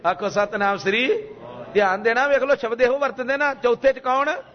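A man with a Punjabi accent preaches in a strikingly high voice, chanting scripture and urging the congregation to repeat lines back to him. His voice carries a long reverb from a large hall. The recording sounds muffled and lo-fi. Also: moderate pace. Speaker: Sikh preacher giving katha. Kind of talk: sermon with sung scripture.

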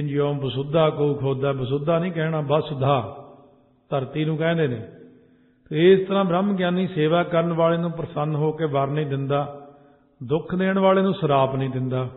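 A Punjabi-accented man preaches a sermon, chanting scripture slowly before explaining it plainly. His voice sits on the higher side. It comes through a tinny, phone-like line with a long hall echo. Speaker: Sikh preacher expounding scripture. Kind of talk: sermon with sung verses.

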